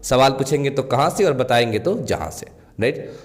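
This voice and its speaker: A man's voice: medium pitch, expressive. Man teaching in a reverberant room. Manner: explains in Hindi, reads English examples slowly. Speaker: English teacher. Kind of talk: spoken English lesson.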